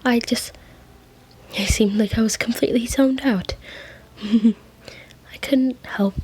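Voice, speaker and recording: A woman voicing a gentle, fussy male angel bookseller in a whispered role-play, soft and stammering with endearments. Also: fairly high pitch, steady tone, slow, slightly rough, full character voice. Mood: doting.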